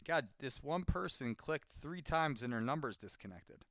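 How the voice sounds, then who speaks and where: A man's voice: mid-range voice, lively intonation, moderate pace, fairly bright tone, no room sound, clean studio sound. A man making live sales calls and chatting straight to his viewers in a loose, casual way full of fillers and restarts. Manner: chatty, talks straight to viewers and answers chat. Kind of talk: live-streamed commentary while cold calling.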